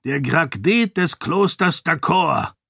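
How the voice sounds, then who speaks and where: A man's voice: a little high, expressive, takes it slowly, creaky, bright, forceful tone, husky, dry recording, clean studio sound, voice pushed up, exaggerated voice. A man voicing a cold, menacing male monk leader in an audiobook, with a raised, sneering delivery. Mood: threatening. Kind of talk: audiobook character voice.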